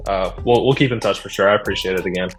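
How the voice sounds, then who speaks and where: Chill young ballplayer dude, polite, thanks a lot, bit of music behind. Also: male voice, sits low, fast. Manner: easygoing, polite and relaxed. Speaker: minor-league pitcher.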